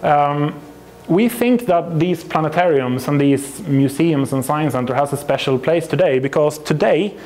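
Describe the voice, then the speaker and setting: A native Swedish speaker in his thirties, with a Swedish accent, gives a chatty, self-deprecating conference talk into a lapel mic. His voice is a little high, a little slow and a little mellow, full of ums and restarts.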